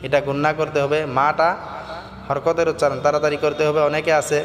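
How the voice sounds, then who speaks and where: A man teaching Quran recitation in a tajweed lesson, explaining each sound and then chanting the verses slowly and melodically. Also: on the high side, level tone. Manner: slow drawn-out melodic chanting between spoken explanations. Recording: long reverb with faint background music.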